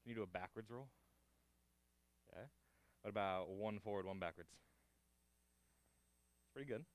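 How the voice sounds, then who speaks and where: A man's voice: fairly low pitch, normal speed, no echo. A man instructing a martial arts class, giving short clipped counts and cues along with encouraging feedback as he demonstrates moves.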